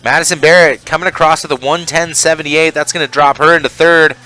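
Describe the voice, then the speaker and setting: A man's voice: a little high, steady tone, quick pace, sharp tone, faint music behind, rough recording. A man announcing a ski race live, calling bibs and times and joking with his co-host. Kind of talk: live sports commentary, banter.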